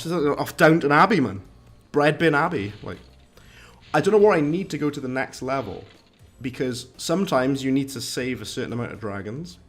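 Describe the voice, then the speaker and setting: Young man, casual game-stream chatter, middle pitch, faint game music behind. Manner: chatty, joking, rambling. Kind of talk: casual live-stream commentary.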